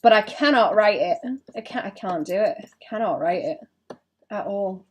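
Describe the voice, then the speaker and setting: A woman's voice: mid-range voice, normal speed, a little hiss or hum. A woman chatting casually on a live stream while she draws, thinking aloud and often stopping to restart her sentences.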